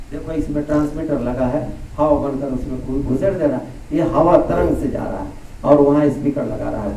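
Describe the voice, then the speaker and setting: A man preaches to a gathering, his rather high, mellow voice carried through a microphone into a big echoing hall. He is heard from some way off, with a faint murmur of the room behind him. He repeats his key phrases and leans on homely comparisons. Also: a little hiss or hum. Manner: explains by plain everyday comparisons. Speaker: spiritual teacher. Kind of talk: satsang sermon. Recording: echoey hall, speaker heard from a distance.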